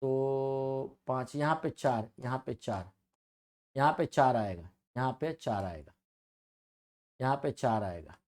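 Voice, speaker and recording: A man's voice: medium pitch, slow, a little mellow. Guy teaching math to a class, says everything twice, coaxing, answers his own questions. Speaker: coaching teacher.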